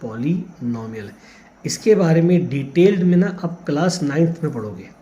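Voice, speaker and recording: A man's voice: on the high side, expressive, moderate pace, warm tone. An Indian man teaching a maths lesson step by step, with a patient manner that counts things out aloud. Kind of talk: classroom lesson explaining on a board. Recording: slightly dull lo-fi sound, faint background noise.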